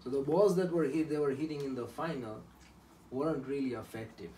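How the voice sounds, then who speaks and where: A man's voice: mid-range voice, brisk, dark tone. A man giving informal feedback on team strategy as one of the players. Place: indoor locker room. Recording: distant mic, faint background noise.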